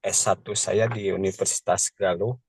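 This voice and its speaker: A man in his forties from West Java, giving a slow, formal self-introduction to a class as a graduate student. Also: low-pitched, steady tone, a little mellow, husky, dry recording, low-quality recording. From West Java, Indonesia. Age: 40s. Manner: slow, formal, with religious greetings.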